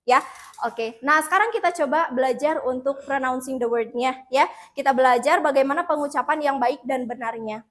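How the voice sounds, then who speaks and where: A woman teaching an English lesson in a classroom, mixing two languages and leading slow repeat-after-me drills. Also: high-pitched.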